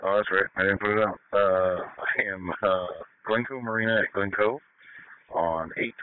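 A man's voice: on the low side, fairly even intonation, moderate pace, clear, resonant tone, no room sound. A man calling in over a two-way radio, hesitantly reading out codes and numbers in radio traffic. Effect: heard over a two-way radio. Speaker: field officer calling in. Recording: tinny dry radio channel.

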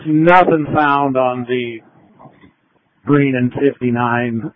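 A man speaking as a police officer over a police radio, reporting and closing out a call in a brisk, businesslike way. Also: medium pitch, steady tone, no room sound. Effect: police radio transmission. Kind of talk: terse radio codes. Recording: tinny, dry radio channel.

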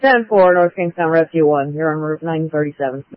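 A fire dispatcher giving a brisk, clipped call over a two-way radio. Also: mid-range voice, dry recording. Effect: two-way radio transmission. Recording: muffled radio audio.

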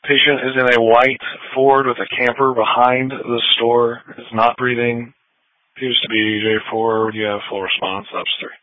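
Male fire dispatcher heard over police radio, monotone, steady readout, tinny thin sound. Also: mid-range voice, normal speed, dry recording. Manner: even, methodical readout.

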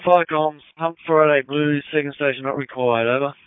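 A man's voice: fairly high pitch, steady tone, brisk, smooth, dry recording. A man calling in over a crackly two-way radio with clipped radio procedure. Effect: crackly two-way radio transmission. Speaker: fire crew radio operator. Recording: narrow tinny radio line, dry.

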